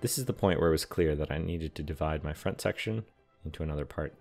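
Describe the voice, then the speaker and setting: A young man giving a calm, matter-of-fact scripted voice-over explaining how he builds a large model. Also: extremely low pitch, quick pace, gravelly. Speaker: scale model and terrain builder. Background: soft background music.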